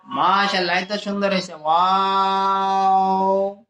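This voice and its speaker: A man teaching adults to read the Quran, drawing out each letter slowly for his students to repeat. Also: high voice, steady tone, bright, forceful tone, roomy sound, soft background music, low-quality recording. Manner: slow, drawn-out letter drills for students to repeat. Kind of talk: adult Quran reading lesson.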